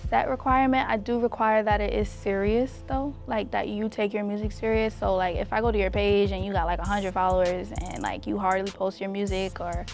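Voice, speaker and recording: A young woman singer being interviewed, talking in a relaxed way with many "like" and "um" fillers. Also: mid-range voice, a little fast, hardly any pauses, soft background music. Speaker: R&B singer, guest. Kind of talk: casual interview chat.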